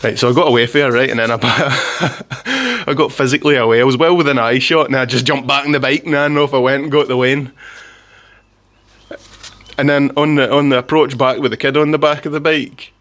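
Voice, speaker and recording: A man's voice: medium pitch, steady tone, fast talker, a bit bright. A Scottish man telling a rambling story in a casual monologue, with frequent restarts and chuckles. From Scotland.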